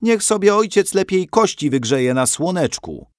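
Storybook: man playing an excitable, shrill village aunt, indignant, pitched high, dry close mic. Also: normal speed, no room sound. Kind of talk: storybook reading.

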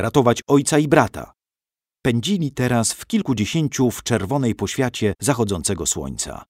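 A man reads a historical story aloud in a dramatic, expressive way. His low voice moves a lot in pitch and has a husky edge. The sound is dry and close. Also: no echo. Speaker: narrator. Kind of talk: scripted narration of a historical story.

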